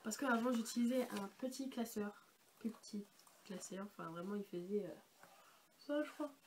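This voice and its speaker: A woman's voice: mid-range voice, animated, moderate pace. A young woman vlogger with a congested, sick-sounding voice, explaining things in a casual, chatty, rambling way. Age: young adult. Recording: noisy amateur home-video sound.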